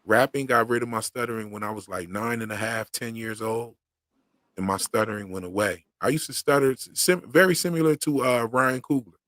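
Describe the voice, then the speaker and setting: A man hosts his own YouTube channel's livestream, chatting casually in slangy speech with a loose rhythm, and mentions he once stuttered heavily. His mid-range voice is fairly bright, a little fast, and fairly even in intonation. The studio-quality recording has no echo.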